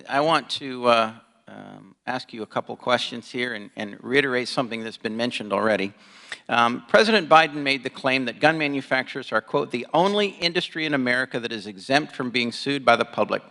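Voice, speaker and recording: A man speaking as a politician at a legislative hearing, halting and formal, questioning and partly reading out. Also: medium pitch, gravelly, pushed and bright. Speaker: politician, congressman questioning a witness. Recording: reverberant hearing room.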